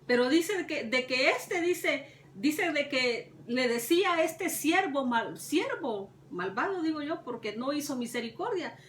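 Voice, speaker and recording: A woman preacher teaches from scripture in a high voice, circling back over her words and posing questions to her listeners. She sounds set back from the microphone, in a room that echoes. A faint background ambience runs underneath. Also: expressive, measured pace, few pauses, fairly bright tone, recorded from a distance, slight background noise. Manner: retells scripture with many repetitions and rhetorical questions. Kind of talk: Bible teaching.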